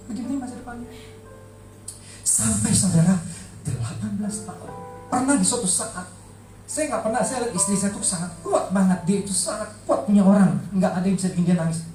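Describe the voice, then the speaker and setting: A man's voice: sits high, mellow. A middle-aged man giving an emotional testimony at church, emphatic and heartfelt, repeating words for stress. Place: large church hall. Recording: echoey hall, distant mic, faint music.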